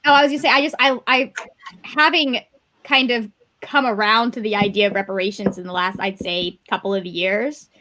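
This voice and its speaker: A woman's voice: medium pitch, steady tone, fairly quick, bright, forceful tone, rough recording. A woman on a book discussion video call, earnest and opinionated, often murmuring agreement. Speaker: book club panelist.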